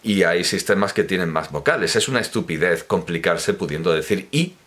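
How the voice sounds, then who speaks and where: Deep-voiced man, pedantic lecturing monologue, corrective tone, hesitant restarts. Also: expressive, brisk, a bit bright. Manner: lecturing, didactic explanation. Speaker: commentator on language teaching. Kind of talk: spoken monologue, opinion talk.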